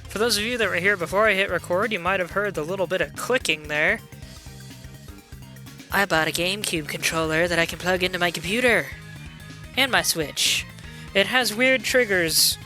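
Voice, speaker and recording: A young adult game streamer with a loud, mid-range voice chats casually and excitably during live gameplay, greeting viewers as he plays.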